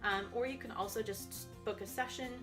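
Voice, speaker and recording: A young adult woman voice coach calmly guiding listeners through vocal exercises, sometimes demonstrating. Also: medium pitch, moderate pace, over music. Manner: calm, guiding, demonstrates vocal slides and counts. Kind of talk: instructional voice exercise video.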